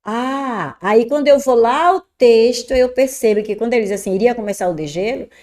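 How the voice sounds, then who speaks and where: Woman, Portuguese teacher, warm mellow tone, lively lecturing with rhetorical questions. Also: on the high side, brisk. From Brazil. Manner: chatty, lively, asks and answers her own questions. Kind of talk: exam-correction lesson.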